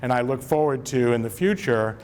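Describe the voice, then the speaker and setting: A man from Maine who works as a school superintendent addresses his staff at a convocation in a large hall with a live audience, chatting, joking with them and poking fun at himself. His voice sits at medium pitch, expressive and fairly quick, with a darkish tone. A little hiss or hum is audible.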